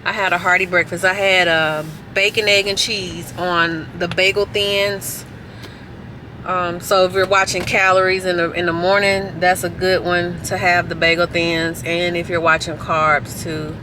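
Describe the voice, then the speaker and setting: A young woman vlogging about fitness, talking casually to the camera from a car in a relaxed, chatty way with plenty of fillers. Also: fairly low pitch, unhurried. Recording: traffic noise from outside.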